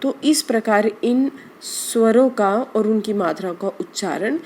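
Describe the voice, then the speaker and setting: A woman teaching a grammar lesson, explaining slowly and deliberately and drawing out example sounds. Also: fairly high pitch, a little mellow, slight background noise.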